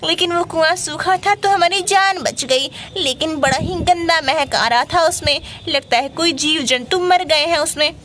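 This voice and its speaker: A woman's voice: extremely high pitch, a little slow, few pauses, fairly bright tone. A woman voicing a small child telling an older sister what happened, in a toy play story, with a childlike raised voice.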